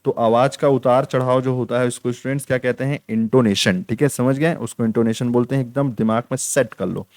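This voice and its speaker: A man's voice: mid-range voice, fairly even intonation, a little fast, hardly any pauses, a little mellow, no room sound, studio quality. A young man teaching an online exam-prep lesson, repeating key points and checking in with his students again and again. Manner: repetitive, drills points with "theek hai".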